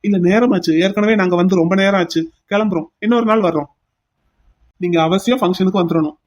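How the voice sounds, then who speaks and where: A man plays a modest cartoon young man who is always polite. He talks quickly in a rather high voice. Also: lightly acted. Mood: humble. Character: humble, gracious young man.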